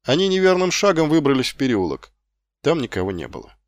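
A male audiobook narrator with a mid-pitched voice that rises and falls lively through the prose. The reading is measured and expressive, with dry, close sound. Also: dry recording, dull audio. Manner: measured storytelling.

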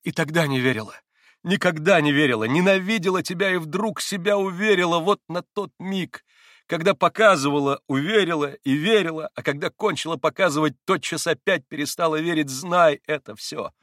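A man reading the part of a passionate, proud young woman, raising his voice higher and speaking with a trembling emphasis. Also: a little fast, fairly bright tone, no echo, clean studio sound. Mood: impassioned.

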